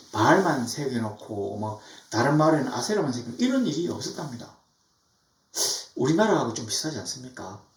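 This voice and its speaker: A middle-aged man preaching a sermon as pastor, animated, now and then mimicking mocking tones. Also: medium pitch. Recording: echoey church from far off.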